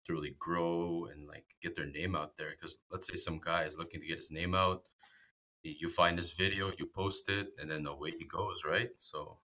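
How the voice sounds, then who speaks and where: Deep-voiced bright casual male podcast host. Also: fairly even intonation, normal speed. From Canada. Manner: laid-back, heavy on fillers like "like" and "man". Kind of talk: casual chat.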